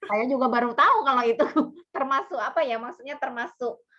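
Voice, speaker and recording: A woman's voice: high-pitched, a little fast, pushed and bright. A woman co-hosting a talk show, playfully addressing viewers. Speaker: co-host. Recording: slightly dull lo-fi sound.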